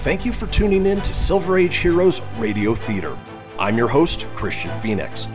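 Animated middle-aged male podcast host. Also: a little high, moderate pace, over music. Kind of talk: scripted podcast introduction.

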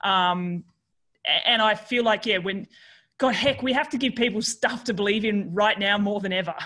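A woman hosts a podcast in a relaxed, casual conversation. She talks in a chatty way, with frequent fillers and restarts. Her voice sits at a middling pitch for a woman. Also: moderate pace. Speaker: podcast host.

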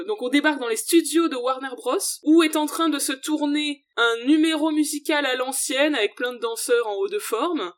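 A woman co-hosting a casual podcast about musicals, lively and opinionated, with fillers. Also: sits high. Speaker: podcast co-host.

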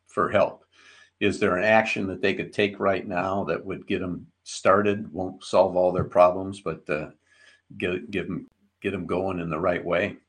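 A man hosting a business interview podcast, asking questions in a relaxed, folksy way with fillers. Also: low-pitched, a little slow. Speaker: podcast host.

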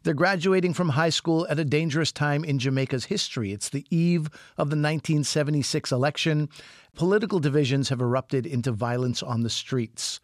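A man hosting a radio book show, reading a scripted introduction in a measured, clear way. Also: on the high side, no echo, studio quality. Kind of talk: scripted narration.

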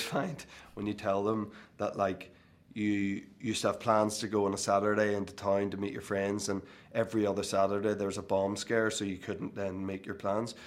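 A man in his thirties with a Northern Irish accent, a guest speaking casually in an interview with many fillers and restarts. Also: fairly low pitch. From Northern Ireland. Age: 30s. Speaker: actor guest.

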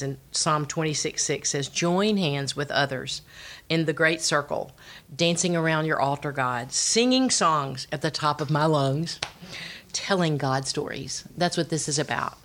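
Southern lady, middle-aged, low voice, giving her testimony, acts out what folks said, laughs a lot. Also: unhurried. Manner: lively storytelling, acts out quotes, laughs often. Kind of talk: personal testimony.

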